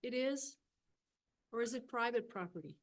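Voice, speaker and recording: Higher-voiced woman pressing council with questions. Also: moderate pace. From Texas. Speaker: public commenter. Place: council chamber.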